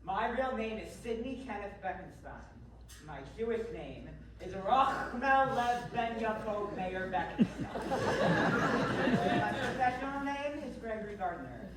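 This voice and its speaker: Brief: man as a wry, deliberate dancer; distant echoey stage with loud noise. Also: high-pitched, sing-song, a loud crowd. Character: proud, dry-humored man dancer in his thirties. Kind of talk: live stage musical acting.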